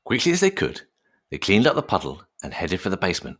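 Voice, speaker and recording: A woman narrating a children's story in a gentle, expressive way. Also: extremely low pitch, fast.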